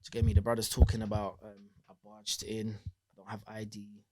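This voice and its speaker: A man, a guest telling his story in a slangy, animated casual chat. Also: on the low side, fairly quick.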